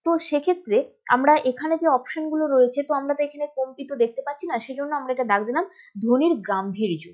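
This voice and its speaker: A woman's voice: sits high, fast. A woman teacher with a Bengali accent, walking through exam answers step by step and often asking students whether they have understood. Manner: explains step by step, often checking with "ঠিক আছে?" and "বোঝা গেল?". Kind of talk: exam answer walkthrough lesson. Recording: dull lo-fi recording.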